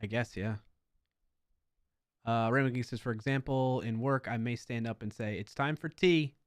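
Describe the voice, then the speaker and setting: A man hosting a casual live coding stream, chatting with his viewers and wandering off on friendly tangents as he works. His voice sits at an ordinary middle pitch. The sound is close and dry. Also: steady tone, normal speed, no echo. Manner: chatty, talks to chat, rambling asides. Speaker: livestream host.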